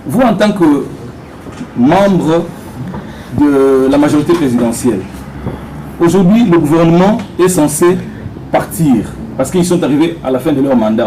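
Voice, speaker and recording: A man's voice: a little high, dark tone, slight background noise, low-quality recording. A man from Congo, a soldier, putting pointed, insistent questions to a politician at a public meeting. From Democratic Republic of the Congo.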